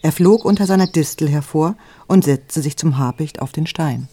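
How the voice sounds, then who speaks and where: A reader telling a storybook aloud in a calm, gentle way. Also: mid-range voice, moderate pace. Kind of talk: storybook reading.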